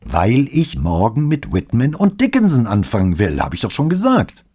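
A man voicing a sharp-witted middle-aged woman, a literature professor, who asks brisk, indignant questions in an audiobook reading. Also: lowish voice, wildly swooping pitch, slightly rough, full character voice. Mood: pointed.

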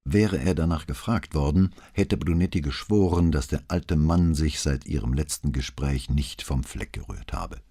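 A man reading a crime novel as an audiobook, calm and measured, acting out the dialogue. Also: a bass voice, husky. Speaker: audiobook narrator. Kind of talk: scripted narration of a crime novel.

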